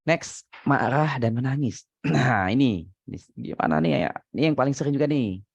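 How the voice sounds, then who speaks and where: A man's voice: mid-range voice, lively intonation, moderate pace, vocal fry, breathy edge, no room sound. A man, a father, casually giving parenting advice in a chatty way, laughing often and using many fillers. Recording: dry, dull lo-fi sound.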